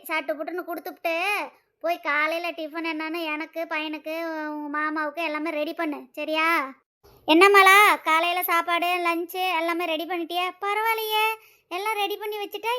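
Nagging old mother-in-law in a cartoon, high and sharp, always complaining. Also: flat delivery, a little fast. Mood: mocking. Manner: scolding, complaining. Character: bossy older mother-in-law, dieting and demanding. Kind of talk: cartoon voice acting.

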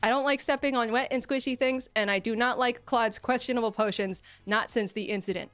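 A woman with a fairly high voice chats casually to her livestream audience. She is playful and giggly, often poking fun at herself. Light music plays behind her. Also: fairly quick, a bit bright. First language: English. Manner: playful, giggly, self-deprecating. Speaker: streamer. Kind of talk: casual livestream chat, debut introduction. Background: background music.

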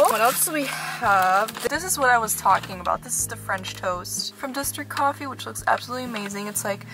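A young woman with a slightly high voice, chatting casually and gushing with enthusiasm about the food in front of her. Her talk is bubbly and upbeat, and music plays clearly underneath the whole time. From Canada. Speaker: food vlogger. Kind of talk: casual vlog chat.

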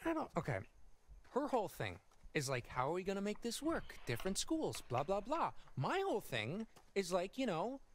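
Cocky young counselor dude in a video game, sarcastic n slangy, pitch bounces around. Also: male voice, huge pitch swings, moderate pace, a little hiss or hum. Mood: flustered. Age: young adult. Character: cocky, exasperated young male camp counselor. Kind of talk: cinematic video game acting.

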